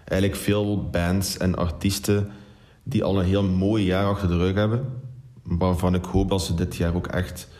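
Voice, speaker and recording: A man presenting music recommendations in a measured way, with small hesitations. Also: low-pitched, level tone, a little mellow. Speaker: music ambassador for Belgium. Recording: music bed underneath.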